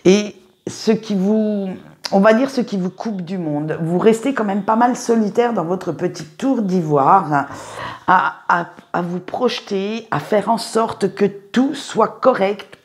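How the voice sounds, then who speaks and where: A woman's voice: mid-range voice, unhurried. A woman giving a casual tarot reading to her viewers, chatty and hesitant, with frequent fillers and restarts. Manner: chatty, addresses viewers directly. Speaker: tarot reader.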